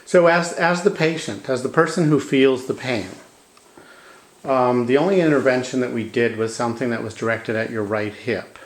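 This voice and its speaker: Calm male therapist explaining a demonstration. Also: mid-range voice, moderate pace, poor audio. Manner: calm, explanatory, speaks gently to the patient. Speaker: manual physical therapist. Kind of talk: clinical demonstration. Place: treatment room.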